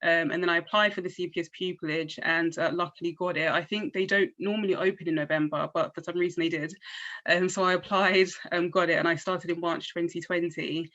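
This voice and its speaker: A woman's voice: on the low side, steady tone, fairly quick, a bit bright, highs cut off. A young woman, a pupil barrister speaking as a guest on an online panel, chatty with frequent ums and a self-deprecating tone. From South East London. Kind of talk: casual talk on an online panel.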